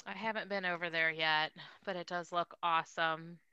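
A young adult woman hosting a casual podcast chat, talking in a relaxed way with many ums. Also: fairly low pitch, moderate pace, clean tone, dry recording, lo-fi sound. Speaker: podcast host.

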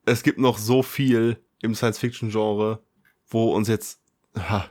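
A man's voice: fairly low pitch, steady tone, unhurried, darkish tone. A man co-hosting a podcast, chatting casually and enthusiastically in slangy wording with English loanwords. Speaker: podcast co-host. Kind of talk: casual chat.

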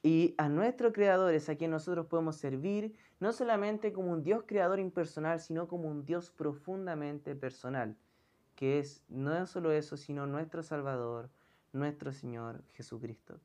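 A woman's voice: sits low, normal speed, dark tone. Earnest woman preacher. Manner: earnest, addresses listeners as brother. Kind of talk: sermon.

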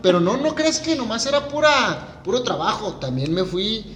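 A man's voice: high voice, lively intonation, moderate pace, a crowd in the background. A man with a Mexican accent, a boastful comedian telling crude jokes in stage banter. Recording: echoey room, background noise.

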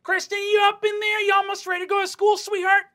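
A woman voicing a devout, fussy middle-aged paladin mother who nags and dotes in a high voice. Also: level tone, bright, forceful tone. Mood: nagging. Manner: high, doting, quick nagging.

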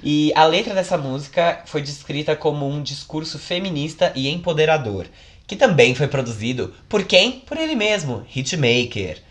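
A man's voice: a little high, big pitch swings, moderate pace. A man, co-hosting a casual music podcast and running through new releases with jokey asides. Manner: chatty, reads news with jokey asides. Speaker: podcast co-host.

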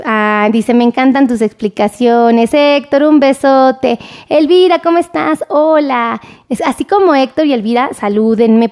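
A Mexican woman doctor hosting a live stream, chatting warmly and greeting viewers by name. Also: fairly high pitch. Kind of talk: casual live-stream chat reading viewer comments.

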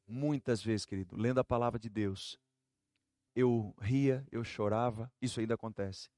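A man preaching a sermon with a Brazilian Portuguese accent, swinging from soft musing to shouted fervor. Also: lowish voice, fairly even intonation, normal speed, dry recording. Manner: colloquial, storytelling with acted prayers. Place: church.

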